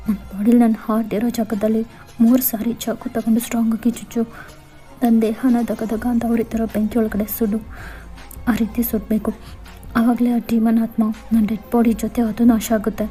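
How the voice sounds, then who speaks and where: A calm, urgent young fiancée in a Kannada fan-fiction voiceover, played by a woman. The voice is mellow and fairly high, with hushed, earnest explaining. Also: moderate pace, pauses often, faint music behind, natural voice.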